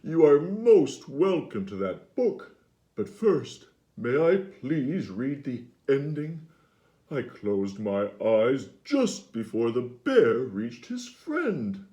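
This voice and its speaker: A man's voice: mid-range voice, sing-song, slow pace, mellow, reverberant. A man voicing a polite, growly male bear in a storybook reading.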